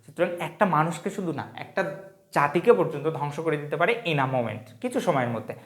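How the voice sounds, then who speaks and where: A woman with a low voice takes the class through grammar one step at a time. She keeps putting questions to her students as she goes. Her voice rings around an echoey room. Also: big pitch swings, fast. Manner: explains step by step, often asks the class questions. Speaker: English teacher. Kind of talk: exam-prep grammar lesson.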